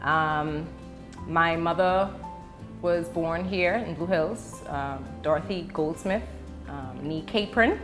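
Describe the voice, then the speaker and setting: A middle-aged educator from the Bahamas and the UK explains things as an interview guest, picking her words carefully and pausing along the way. Her pitch sits fairly low, and music plays under her speech.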